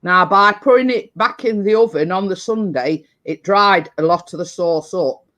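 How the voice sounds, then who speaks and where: A woman's voice: on the low side, normal speed, fairly bright tone, muffled recording. A woman co-hosting a baking show, chatting casually and rambling as she repeats herself. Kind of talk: casual live-stream chat.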